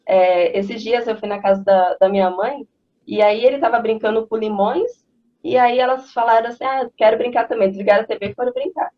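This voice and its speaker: Chatty mom, dull lo-fi audio. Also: female voice, fairly high pitch, fairly quick. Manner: rambling, conversational, frequent fillers like "né" and "assim". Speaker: mother of three sharing parenting advice. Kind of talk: casual chatty advice with personal stories.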